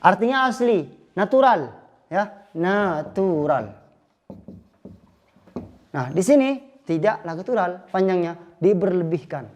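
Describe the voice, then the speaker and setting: A man's voice: high voice, expressive, slow, long pauses, highs cut off. Male religious teacher giving a patient lesson, demonstrating with spoken examples. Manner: explains patiently, acting out short spoken examples. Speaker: Islamic teacher.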